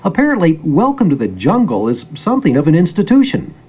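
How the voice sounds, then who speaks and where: Male public radio reporter, American accent, storytelling feature narration, animated intonation, fairly high voice. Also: fast talker, breathy edge.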